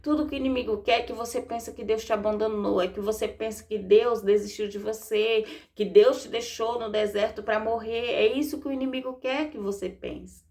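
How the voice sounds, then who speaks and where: A woman's voice: a little high, steady tone, moderate pace, few pauses, a little mellow. A woman with a Brazilian Portuguese accent preaching a fervent devotional exhortation, repeating her phrases and calling her listeners "gente".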